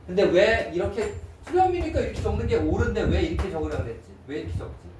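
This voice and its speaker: A man lectures on math to a class, his voice pitched high and always coming back to quick questions to check that the students follow. The sound is roomy and echoey, caught from a distance with a faint hiss underneath. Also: big pitch swings, darkish tone. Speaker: math teacher. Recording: echoey room, mic far off, faint noise.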